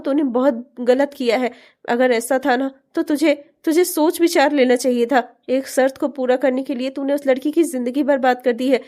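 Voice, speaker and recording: A woman's voice: sits high, darkish tone, natural voice. A woman voicing an exasperated young cartoon friend. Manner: scolding, earnest, exasperated. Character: young man, conscience-stricken friend. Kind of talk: cartoon voice acting.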